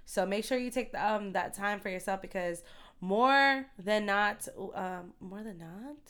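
A woman co-hosting a podcast in casual chat, playful and quick to laugh, full of slang and repeated catchphrases. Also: medium pitch, fairly bright tone, smooth. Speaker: podcast co-host.

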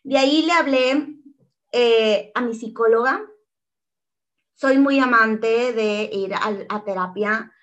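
Earnest Mexican woman, higher voice. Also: slow, a bit bright, lo-fi sound. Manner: earnest, emotional retelling that acts out quoted dialogue. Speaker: interview guest. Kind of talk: personal story in an interview.

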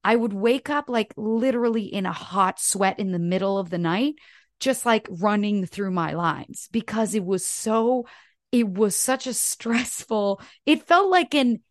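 A woman in her thirties from Canada, an actress whose first language is French, chats as a podcast guest in a casual interview, telling stories with many "like" fillers. Her mid-range voice keeps a measured pace, and the studio-quality recording has no echo.

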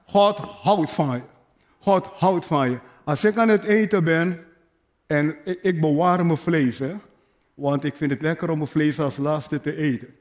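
A man with a high voice preaches a sermon to a congregation. He drives his points home through repetition and calls out to the listeners, mixing in playful asides. His pitch sits well above most men's. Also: measured pace. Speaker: pastor.

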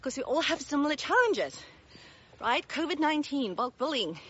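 A woman's voice: high voice, big pitch swings, moderate pace, fairly bright tone, highs cut off. An Australian woman talking straight to her viewers as a business mentor while walking uphill outdoors, a little out of breath, upbeat and direct. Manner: upbeat, direct, laughs often. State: slightly out of breath. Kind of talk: casual walk-and-talk vlog.

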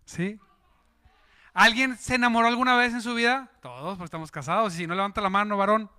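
Preacher guy, super bright voice, smooth and clear, joking with the crowd. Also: high voice, fast talker. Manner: lively, jokes and asks the congregation questions. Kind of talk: sermon.

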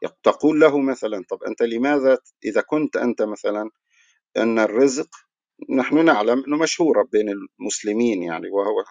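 A man's voice: mid-range voice, no room sound, dull audio. A man giving a religious lecture, explaining his point through rhetorical questions that he answers himself. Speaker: religious speaker.

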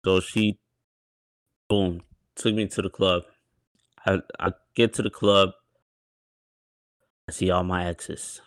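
A man's voice: deep voice, fairly even intonation, slow pace, long pauses, clean tone, no echo. A young man telling a story in a laid-back, colloquial way on a podcast. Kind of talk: casual storytelling.

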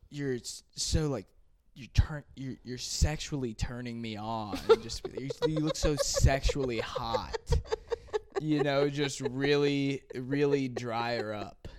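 A man's voice: medium pitch, clear, resonant tone. A man co-hosting a casual comedy podcast, joking and rambling, often breaking into laughter. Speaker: podcast co-host. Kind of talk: casual chat.

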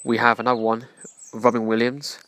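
A man's voice: medium pitch, completely flat delivery, fairly quick, fairly bright tone, no echo. A man hosting a self-help podcast, speaking earnestly and preachily in direct address to the listener. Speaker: podcast host.

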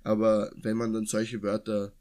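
A man's voice: on the low side, monotone, measured pace, a little mellow. A young man in his twenties from near Vienna with an Austrian accent, chatting casually and rambling with many restarts. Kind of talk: casual chat.

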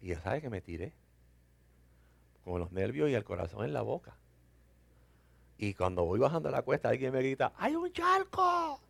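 A man's voice: on the low side, animated, moderate pace, creaky, long pauses, a little mellow. A male pastor preaching a sermon, telling a personal story with laughter and acted-out dialogue, then building to emphatic preaching.

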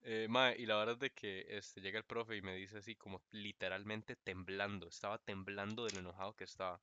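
A young man with a Costa Rican accent, co-hosting a casual livestream chat and telling animated stories. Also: lowish voice, brisk, muffled recording, a little hiss or hum. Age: young adult. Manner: animated storyteller, mimics voices. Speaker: co-host.

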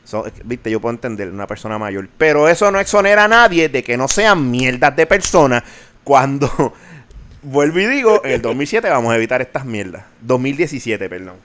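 Young man, Puerto Rican accent, podcast host; animated, profane rant, casual code-switching. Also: mid-range voice, brisk. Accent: Puerto Rican Spanish. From Puerto Rico. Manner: ranting, animated, mixes English into Spanish, swears freely.

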